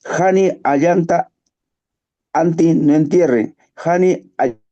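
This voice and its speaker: A student reading verb drills aloud in careful, halting recitation over an online class call. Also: medium pitch, warm tone, lo-fi sound.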